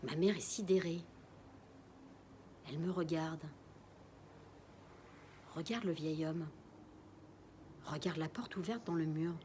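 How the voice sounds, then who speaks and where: A woman reading a first-person story aloud in an expressive way. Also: takes it slowly, long pauses, slight background noise. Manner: expressive reading with lively pitch.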